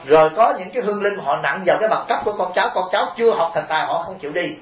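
A man, a Buddhist monk, telling stories in a lively sermon and asking his listeners questions directly. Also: high-pitched, rapid-fire. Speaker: Buddhist monk giving a dharma talk. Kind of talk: storytelling sermon. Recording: roomy, dull lo-fi recording with faint hiss.

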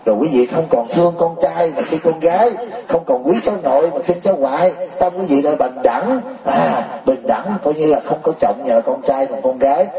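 Soft music plays behind a Buddhist teacher's sermon, which is recorded with a distant mic in a roomy space. His dark voice sits fairly high and flows at a moderate pace with few pauses, as he challenges the congregation with rhetorical questions and often laughs.

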